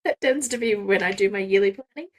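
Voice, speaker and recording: Talking fast in a medium-pitched voice, an Australian woman hosts a solo podcast where she reflects and muses, often trailing off with filler words.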